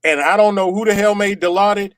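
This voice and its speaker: A middle-aged man giving an animated personal testimony, repeating himself for effect and acting out the dialogue. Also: high-pitched, fast talker, smooth, no room sound, studio quality. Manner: animated, repetitive storyteller; acts out quoted dialogue. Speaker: testimonial guest. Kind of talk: personal storytelling.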